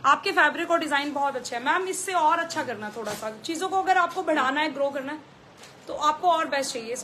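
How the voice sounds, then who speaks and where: A woman's voice: high-pitched, expressive, fast talker, bright, forceful tone, a little hiss or hum. A woman who runs a clothing store, chatting through a live sales stream, repeating prices and making teasing asides in Hindi with a Delhi accent. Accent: Delhi Hindi with English mixed in.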